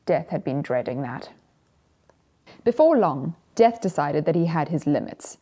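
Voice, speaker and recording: A drag storytime host reading to children in a gentle, theatrical, deliberate storytelling manner. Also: medium pitch, sing-song, breathy edge.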